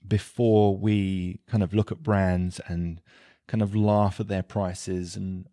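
A man hosting a podcast, telling a story in a relaxed, unhurried way with occasional ums. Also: low voice, dry recording, studio quality. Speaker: podcast host, leathercraft teacher. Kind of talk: casual storytelling talk.

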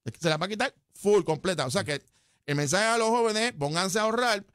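A man's voice: high-pitched, fast, fairly bright tone, no room sound, clean studio sound. An older man giving emphatic political analysis on a radio show. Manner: emphatic, argumentative, rising when stressing points. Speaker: political commentator. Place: radio studio. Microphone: studio mic.

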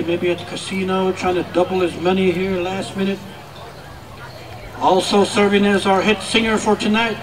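A man's voice: high voice, rough recording. A man working as a powwow emcee outdoors, announcing and introducing people in an informal, folksy way, calling out to them over a public-address microphone. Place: outdoors at a powwow arena, announcer's speaker stand. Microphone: public-address microphone at announcer's stand.

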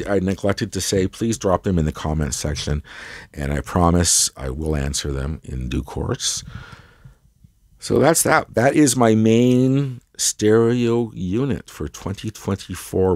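A man's voice: deep voice, a little mellow, dry recording, studio quality. A man with a congested, head-cold voice chatting casually to camera as he hosts a hi-fi gear tour, rambling and enthusiastic. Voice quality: stuffed-up, congested. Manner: rambling, enthusiastic, self-deprecating. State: has a cold. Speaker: host of a hi-fi audio gear tour video.

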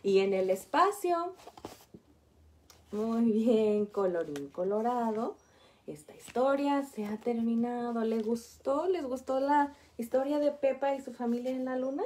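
A woman teacher reads a picture book aloud to young children, explaining each page gently. Her voice sits a little high and sounds warm and mellow. She speaks very slowly and often stops to point things out. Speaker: preschool teacher.

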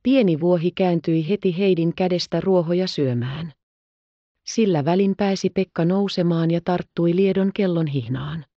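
A woman narrating a children's audiobook in a measured storytelling manner. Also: on the low side, dry recording, dull audio.

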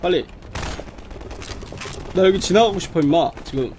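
Chatty high-voiced man over game gunfire. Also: lively intonation, normal speed, a little hiss or hum. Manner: chatty, grumbles at the game, mutters gun noises. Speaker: gaming channel host. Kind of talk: game walkthrough commentary. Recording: loud game gunfire under the voice.

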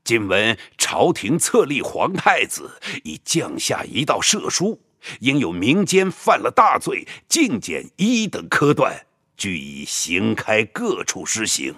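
A man acts out an old village patriarch in an audio drama, speaking slowly with a husky, breathy tone. His voice rises and falls widely as he fusses over his son. The sound is close and dry. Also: lowish voice, huge pitch swings, bright, forceful tone, no room sound, exaggerated voice. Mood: fatherly. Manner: slow, fatherly, pleading. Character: elderly village patriarch, doting and anxious.

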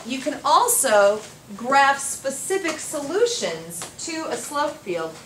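Very animated yet taking it slowly, a woman teacher works through math at a whiteboard, explaining each step and quizzing the class. Her voice is high-pitched and a bit bright. The audio comes from a distant camera in an echoey classroom with faint noise.

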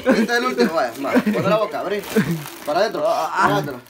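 A woman's voice: lowish voice, expressive, fairly quick, a loud crowd. A woman bantering casually and bossily egging others on, recorded on a phone in a small bedroom. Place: small attic bedroom indoors. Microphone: handheld phone. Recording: very noisy home phone video, clicks.

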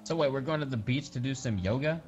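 A man's voice: mid-range voice, quick pace, a little mellow, a little hiss or hum. A man streaming a game role-play in character, brash and joking with plenty of swearing.

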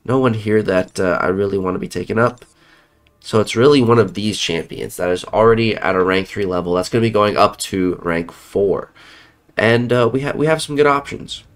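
A young man with a fairly low voice talks at a normal speed, giving casual commentary on a mobile game into a headset in a room at home. He sounds a bit off because he's sick, and he's chatty, rambling and correcting himself as he goes, the way a mobile game content creator would.

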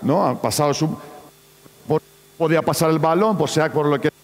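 Running a basketball coaching clinic in a large indoor arena, a man with a slightly high voice speaks Spanish as a non-native at a moderate pace. His instructions are choppy as he calls out to players on court, and the sports hall sounds echoey.

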